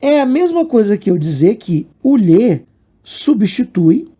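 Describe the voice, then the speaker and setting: A man teaches grammar in a relaxed video lesson, working through examples and checking in with questions. He speaks at an unhurried pace with a lively, rising and falling voice. His tone is mellow. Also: high voice, husky. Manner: explains with examples, asks the viewer questions.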